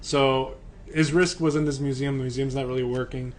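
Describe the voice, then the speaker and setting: A man's voice: mid-range voice, fairly even intonation, brisk, darkish tone, slight background noise. A man co-hosting a podcast in casual chat, rambling and filling his talk with fillers. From United States. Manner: rambling, heavy use of filler words. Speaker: podcast co-host.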